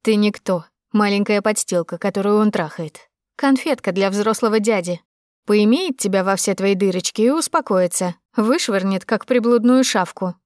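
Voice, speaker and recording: A woman voicing a spiteful, scheming wife who threatens in slow, hissing tones. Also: medium pitch, a little mellow, no echo, clean studio sound, natural voice. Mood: venomous.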